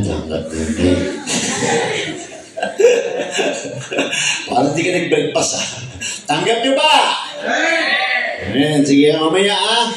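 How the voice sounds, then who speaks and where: Emphatic preacher, echoey hall, far mic. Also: male voice, a little high. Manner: emphatic, calls out "Praise God" often, switches between Tagalog and English; shouts when preaching. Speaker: Bible study preacher. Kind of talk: sermon.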